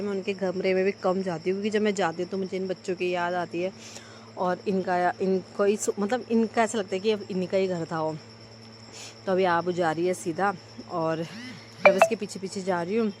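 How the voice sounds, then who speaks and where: A woman's voice: mid-range voice, darkish tone, a little hiss or hum. A young adult woman vlogging casually, speaking in a playful, coaxing way. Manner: playful, coaxing talk with children, teasing. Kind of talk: casual vlog chat.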